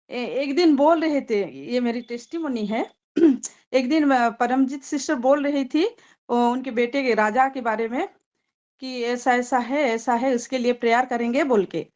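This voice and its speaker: A woman giving a heartfelt spoken testimony at a church fellowship. She talks earnestly and gratefully, with frequent filler pauses, and grows excited as she tells her story. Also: high-pitched, muffled recording. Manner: earnest, thankful, often pausing with fillers; grows excited and loud when retelling a vision.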